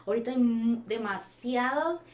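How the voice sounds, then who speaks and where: A woman, a child therapist explaining things in a casual podcast chat, lively when she imitates her young patients. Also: fairly high pitch, moderate pace. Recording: roomy echo, faint background noise.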